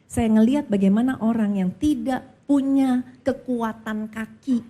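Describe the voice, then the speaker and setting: Warm-voiced woman pastor preaching. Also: on the high side, unhurried. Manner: animated storytelling, addresses listeners as "saudara". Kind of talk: sermon.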